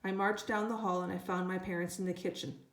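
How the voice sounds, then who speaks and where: A woman reading a children's book aloud in a lively storytelling way. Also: fairly low pitch, a little fast. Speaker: reader. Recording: roomy echo.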